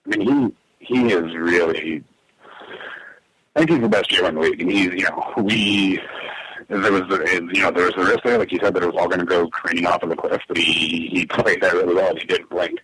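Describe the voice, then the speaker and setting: A man's voice: deep voice, a little fast, a bit bright, husky, low-quality recording. A man co-hosting a casual sports podcast in an attic, talking through his analysis in an agreeable, conversational way. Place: attic of a house, recording in summer heat.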